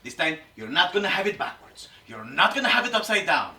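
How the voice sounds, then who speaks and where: Male actor as a frantic, bossy director in a comedy sketch; bright forceful voice, echoey and off-mic. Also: a little high, sing-song, fairly quick, heavily acted. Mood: exasperated. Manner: urgent, pleading, commanding. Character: harried, bossy Spanish-speaking commercial director. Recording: roomy, distant mic, faint noise.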